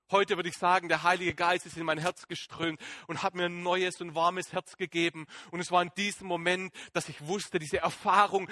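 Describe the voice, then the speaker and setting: A man playing the Apostle Paul in a dramatic first-person sermon, emotional and halting, moving between excited outbursts and hushed awe. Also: high voice, no echo, clean studio sound. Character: Apostle Paul as a man, shaken and fervent, recounting his conversion.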